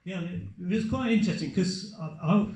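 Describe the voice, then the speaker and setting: A man's voice: sits high, brisk. A man on a live event panel, telling stories about making a game, with many stammering restarts. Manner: stammering restarts, animated storytelling. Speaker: game developer guest. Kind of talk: panel interview recollection. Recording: echoey event hall, live stream.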